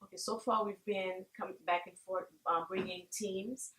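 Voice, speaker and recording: A woman from Haiti who founded a charity, answering interview questions earnestly, halting with many fillers. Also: mid-range voice, fairly even intonation, fairly bright tone. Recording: echoey room.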